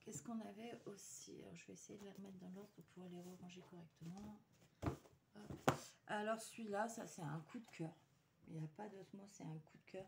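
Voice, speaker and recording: A woman's voice: mid-range voice, fairly quick, creaky, heavy background noise. A woman chatting casually to her viewers while showing a paper haul, hesitant with many fillers and restarts.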